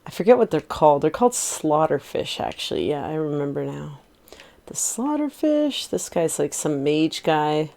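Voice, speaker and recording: A woman's voice: deep voice, moderate pace, creaky, few pauses, mellow. A woman in her forties chatting in a rambling, easygoing way while streaming a game, laughing easily. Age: 40s. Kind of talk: casual gameplay chat.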